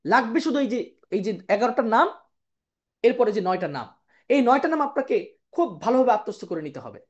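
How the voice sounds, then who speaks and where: A woman teaching an online tajweed lesson who explains patiently, keeps checking in with her students, and chants the Arabic terms slowly in pairs. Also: fairly high pitch, big pitch swings, muffled recording. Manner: explains patiently, checks in with "ঠিক আছে?" and "কেমন?". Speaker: Quran recitation teacher.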